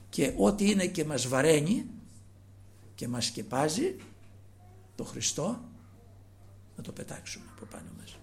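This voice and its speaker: A male preacher giving a sermon, emphatic, moving between loud passages and hushed ones, asking the congregation rhetorical questions. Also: mid-range voice, vocal fry, a little hiss or hum.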